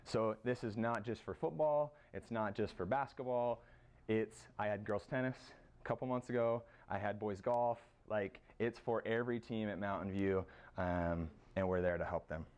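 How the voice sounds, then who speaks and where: A man with an American accent, a high school strength coach giving a casual conference presentation, with plenty of fillers as he lists exercises. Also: moderate pace, darkish tone, smooth, dull audio. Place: conference room.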